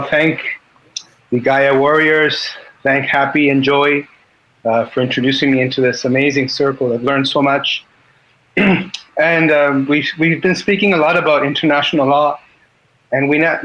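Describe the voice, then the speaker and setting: Chilean man, 50s, Spanish-accented English, tense bright tone, halting earnest guest on a dull call line. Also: fairly high pitch. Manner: halting, clears his throat often. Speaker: guest speaker on a group call.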